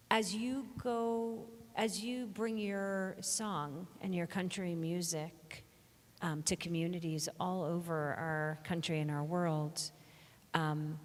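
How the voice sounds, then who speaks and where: A woman's voice: on the low side, steady tone, slow pace. A woman interviewing a guest on stage, asking brief questions and reacting with short interjections. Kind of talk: onstage interview. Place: synagogue sanctuary. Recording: echoey sanctuary with long reverb.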